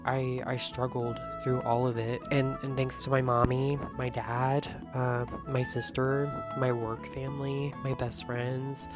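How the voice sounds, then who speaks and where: Hoarse young woman rambling over music. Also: very deep voice, unhurried, few pauses. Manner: rambling, excitable, swears freely. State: hoarse, coughing. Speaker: vlogger. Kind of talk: casual vlog talk. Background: background music.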